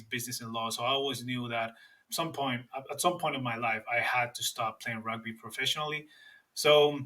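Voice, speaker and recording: A man's voice: medium pitch, pushed and bright, far from the mic. A man in his thirties from Spain with a Spanish accent, a guest explaining earnestly in a podcast interview with frequent restarts.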